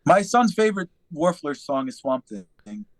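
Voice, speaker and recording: A man's voice: fairly high pitch, unhurried, no room sound. A young adult man telling stories in a casual, profane podcast chat. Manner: profane, animated storytelling. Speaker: podcast host.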